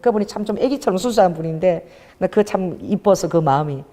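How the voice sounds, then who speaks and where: Animated woman pastor preaching in a hall. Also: on the low side, quick pace. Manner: animated storytelling with quoted voices. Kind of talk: sermon.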